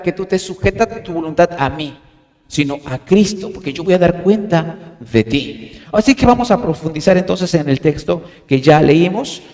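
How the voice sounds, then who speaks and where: Earnest pastor in an echoing church. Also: male voice, high-pitched. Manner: earnest, slows to stress scripture, hushed in prayer. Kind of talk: sermon with prayer. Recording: reverberant church hall.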